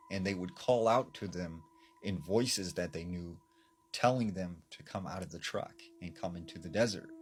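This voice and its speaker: A man narrating a horror story in a measured, suspenseful way. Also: lowish voice, slight background noise.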